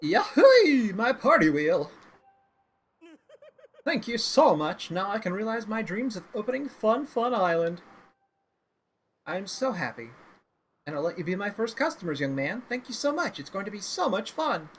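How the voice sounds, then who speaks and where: A man's voice: sits high, sing-song, moderate pace, long pauses, slight background noise, pitched above the performer's own voice. A man voicing a silly, gleeful carnival clown from a video game, exclaiming and gushing in sing-song showmanship. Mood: overjoyed, silly. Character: manic, gleeful carnival clown running a fun island game. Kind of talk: video game character read-aloud.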